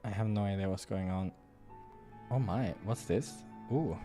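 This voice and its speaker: Soft music plays behind this gaming host's lowish, dark-toned voice as he speaks at a measured pace. He runs a visual novel playthrough, giving the narration a dramatic reading and remarking casually on the game.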